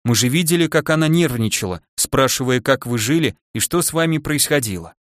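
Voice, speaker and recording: A man's voice: mid-range voice, lively intonation, fairly quick, fairly bright tone, dry recording, studio quality, pitched above the performer's own voice, natural voice. A man reading an audiobook, voicing a sheepish, talking warship with a male voice in an apologetic, placating way. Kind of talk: audiobook character voice.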